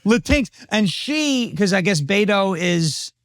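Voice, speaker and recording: A man with a high voice jokes his way through a casual panel discussion, tossing in quick asides. His voice is recorded close and dry, with no room sound. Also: animated, a bit bright, dry recording. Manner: jokey, chimes in with quick asides.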